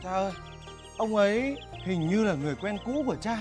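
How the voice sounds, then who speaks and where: Chàng trai trẻ hiền lành, giọng Bắc, thu xa mic. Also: male voice, high-pitched, lively intonation, brisk. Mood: puzzled. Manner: gentle, patient, brotherly. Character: kind young man, gentle big brother to a boy. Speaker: actor in a TV comedy series. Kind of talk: folk comedy TV drama acting. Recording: distant mic, faint music behind.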